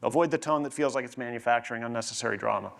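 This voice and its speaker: A man's voice: medium pitch, very fast, gravelly, a bit bright. A man speaking on stage at a conference, presenting to fellow professionals in a conversational way and often checking in with tag questions.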